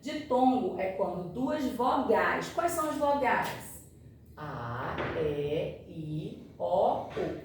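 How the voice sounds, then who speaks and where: A woman's voice: medium pitch, very animated, extremely slow, a little mellow. A woman teaching a grammar lesson, explaining patiently and often checking that her students follow. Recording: echoey room, far from mic, faint noise.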